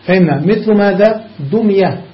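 A man with a high voice leads a classroom grammar lesson. He keeps asking his students rhetorical questions and drills word forms one after another. The recording is dull and lo-fi. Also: fairly quick. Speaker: sheikh teaching Arabic grammar.

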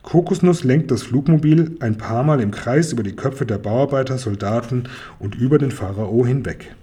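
Guy reading a kids audiobook, lively storytelling, mellow husky voice. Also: mid-range voice, normal speed. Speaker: narrator. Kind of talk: audiobook narration for children.

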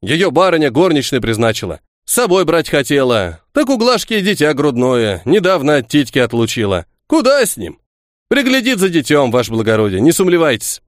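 A man voicing a blunt bearded peasant, a former sergeant, who speaks in a rough village dialect. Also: a little high, big pitch swings, fairly quick, dry recording, studio quality. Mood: easygoing.

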